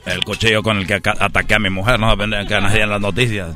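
A gruff, menacing thug, as a man puts him on in a radio sketch. His voice drops low and blunt, and music plays behind him. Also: flat delivery, fast talker, sharp tone. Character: menacing male thug with a knife.

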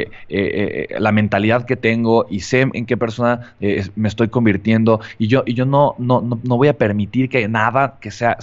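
A man, an earnest podcast host who talks with many fillers and tag questions. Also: medium pitch. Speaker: podcast host interviewing a guest. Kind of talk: conversational podcast interview. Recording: slightly muffled lo-fi audio.

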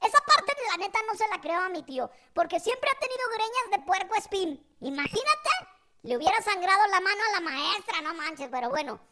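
Very high, bright woman storyteller. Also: animated, a little fast, slight background noise. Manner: chatty, slangy, tags questions to the listener. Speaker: podcast host. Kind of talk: casual storytelling.

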